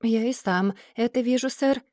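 A woman's voice: fairly high pitch, moderate pace, darkish tone, no room sound, clean studio sound, close to an everyday voice. A woman voicing a timid, humble young man who speaks meekly and politely, with a stammer.

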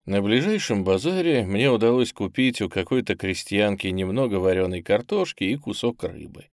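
A man reading a first-person memoir audiobook in a measured, even manner. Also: lowish voice, dry recording, clean studio sound. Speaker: audiobook reader.

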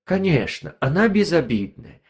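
A man's voice: fairly high pitch, sing-song, moderate pace, vocal fry, darkish tone, voice pushed up. A man voicing a sly, insinuating talking device that whispers neighbourhood gossip in a story reading. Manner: insinuating, snickering.

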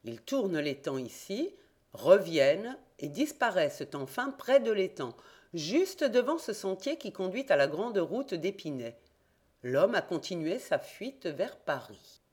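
A woman reading an audiobook, voicing an eager, confident young male reporter-detective in a raised, excited voice. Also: a little slow, husky, exaggerated voice. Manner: excited, emphatic, raised and higher voice.

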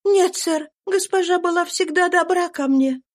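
A woman reading an audiobook voices a desperate young runaway mother, speaking high, fervent and pleading. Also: unhurried. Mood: earnest. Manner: pleading, fervent, trembling with urgency.

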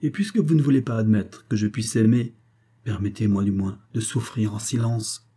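A man's voice: fairly low pitch, moderate pace, slightly rough. A man reading a sorrowful young woman. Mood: dignified. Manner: subdued, weary, quietly dignified. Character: sorrowful young wife, dignified and despairing. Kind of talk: audiobook character reading.

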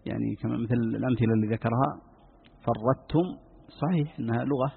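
A man, a sheikh explaining Quran recitation rules to students in quick asides. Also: mid-range voice, steady tone, gravelly, a little hiss or hum. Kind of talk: lesson commentary on a text. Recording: tinny phone-like line, long reverb.

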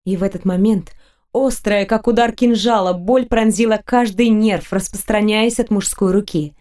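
A woman reads a first-person romantic fantasy audiobook in a steady, intimate storytelling voice. Her tone is dark and mellow, sitting at an ordinary middle pitch. The delivery stays close and even. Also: moderate pace. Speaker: audiobook narrator.

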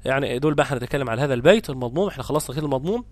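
A man with an Egyptian accent teaching a tajweed lesson. He explains each rule briskly and then stretches out the example words slowly. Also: medium pitch, animated, no echo. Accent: Egyptian Arabic. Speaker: Quran recitation teacher.

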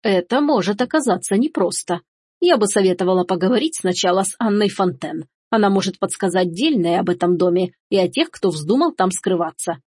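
A woman voicing a shrewd, stern old grandmother who speaks in a calm, measured way. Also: mid-range voice, slightly rough, dry recording. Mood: dry.

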